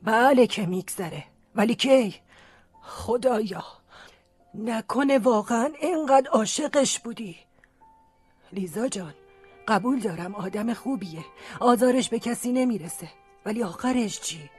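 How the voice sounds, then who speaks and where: Brief: actress as an old aunt, husky, voice pitched a touch high, fussing and pleading over her niece, faint music under. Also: expressive, darkish tone. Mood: coaxing. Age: older. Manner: fretful and pleading. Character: fussy, doting elderly aunt. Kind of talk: radio drama acting.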